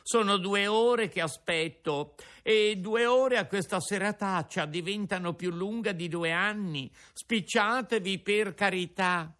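A man's voice: high-pitched, takes it slowly, few pauses, bright, forceful tone, pitched above the performer's own voice, exaggerated voice. A man voicing an impatient, desperate wooden puppet boy in a storybook reading, pleading in a raised voice.

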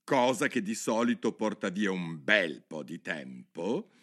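A man voicing a bossy, boisterous male griffin in a storybook reading, loud and exclamatory. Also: deep voice, sing-song, unhurried, heavily acted.

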